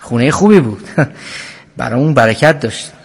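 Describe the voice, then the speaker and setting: A middle-aged man playing a gentle, teasing husband and father comforting his wife, in a radio drama. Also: medium pitch, expressive, slightly rough. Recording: long hall reverb.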